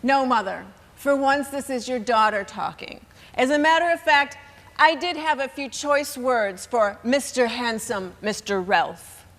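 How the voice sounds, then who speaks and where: A woman's voice: sits high, unhurried, a bit bright, in a large hall. A woman playing a tipsy grown daughter who is blunt, sardonic and cold toward her mother in a stage play. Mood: bitter. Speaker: actor.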